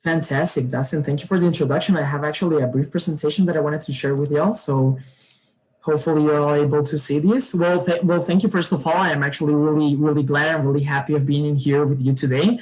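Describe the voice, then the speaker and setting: A man's voice: fairly high pitch, fairly even intonation, quick pace, darkish tone, rough recording. Earnest young man. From Honduras. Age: young adult. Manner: earnest, enthusiastic, repeats "actually" often. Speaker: panelist. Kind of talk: virtual roundtable presentation. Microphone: video call.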